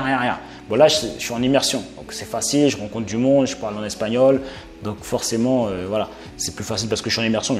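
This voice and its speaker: A man's voice: mid-range voice, a little mellow. A young man talking casually to his viewers, chatty and informal, with frequent fillers, restarts and asides. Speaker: entrepreneur vlogger. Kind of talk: casual spontaneous talk to camera.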